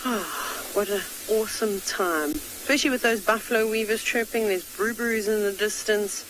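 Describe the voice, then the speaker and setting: A woman presents a live safari in a mid-pitched voice, savouring the scene around her. There is faint hiss and outdoor ambience behind her. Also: moderate pace, a bit bright, rough recording. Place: outdoors at a dam.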